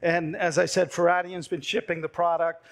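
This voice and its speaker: A middle-aged man delivers a startup pitch for his company through a headset mic on a large, dark conference stage. His level-toned voice, a little high for a man, is going hoarse as he loses it. He stays brisk and persuasive in a sales manner, with occasional fillers.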